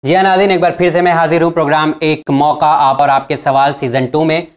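A man's voice: fairly high pitch, flat delivery, a little fast, faint music behind. A man hosting a talk program, welcoming the viewers and chatting with a guest. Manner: welcoming, addresses viewers directly. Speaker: program host.

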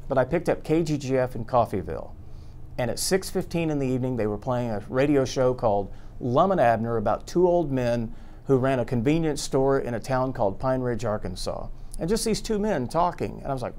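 A little hiss or hum sits under this medium-pitched, slightly mellow male voice. He's an American old-time radio host in his fifties, reminiscing interview-style from a small radio studio office while plucked guitar music plays.

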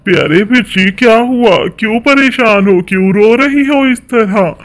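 A man's voice: sits high, measured pace. A man voicing an anxious father bird in a cartoon, urging his family to flee in a pressing voice. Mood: gentle. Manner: urgent, commanding.

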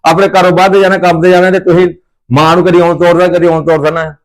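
A man's voice: high-pitched, level tone, fast talker. A man playing an older father-in-law in a family comedy skit, who rants, repeats himself and threatens his son. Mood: ranting. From Punjab, India. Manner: ranting, repetitive, threatening.

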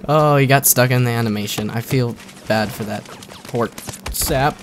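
A young man drawls through loose, sarcastic gameplay commentary at an unhurried pace, his pitch sitting right in the middle. Faint gunfire and game noise carry on under his voice. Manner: joking, rambling, sarcastic.

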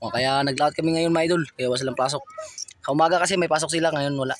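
A man with a Filipino accent narrating a casual fishing vlog from a small boat, shouting excitedly during catches. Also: a little high, racing, slight background noise. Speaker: fishing vlogger.

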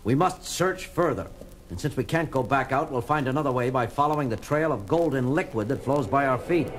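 A man's voice: mid-range voice, lively intonation, fairly quick, a little hiss or hum, close to an everyday voice. Captain Kirk, a man as firm starship commander. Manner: firm, authoritative. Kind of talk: 1970s audio drama acting. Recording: loud music under the voice.

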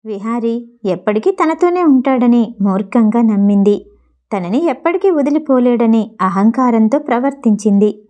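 Woman, story narrator, slightly high voice, mellow warm tone, steady emotive reading. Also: moderate pace. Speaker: audiobook narrator.

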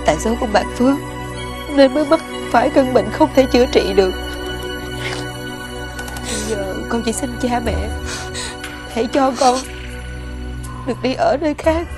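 An actress playing a gentle, sick young daughter pleading with her parents in a cartoon fairy tale. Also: a little high, normal speed, pauses often, lightly acted. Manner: pleading, sorrowful. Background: music.

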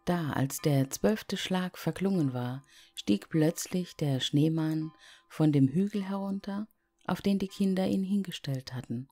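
Female storyteller, low husky voice, calm unhurried fairy-tale reading. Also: soft background music. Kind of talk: scripted fairy-tale narration.

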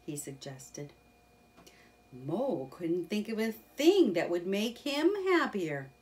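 A woman reading a children's storybook aloud in a slow, expressive storytelling voice. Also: medium pitch, far from the mic. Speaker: children's book reader. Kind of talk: storybook read-aloud narration.

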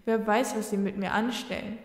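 A woman's voice: on the high side, lively intonation, normal speed, no room sound, studio quality, lightly acted. A woman voicing a curious, stubborn young schoolgirl who speaks earnestly and pleads.

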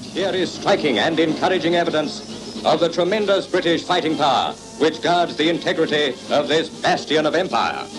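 A man's voice: on the high side, lively intonation, normal speed, rough recording. A man announcing in an old wartime newsreel, in a rousing, declamatory propaganda style. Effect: old newsreel narration. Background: loud music.

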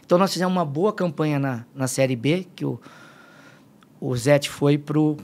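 Middle-aged man, slightly high voice. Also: normal speed. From Limeira, São Paulo state, Brazil. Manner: lively storyteller, acts out dialogue. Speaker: podcast guest, fitness coach. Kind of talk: casual storytelling interview.

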